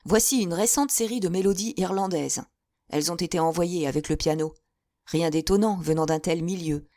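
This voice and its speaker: Woman voicing a playful young gentleman, smooth and sly, low-set voice, dry sound. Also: moderate pace, no room sound, close to an everyday voice. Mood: teasing.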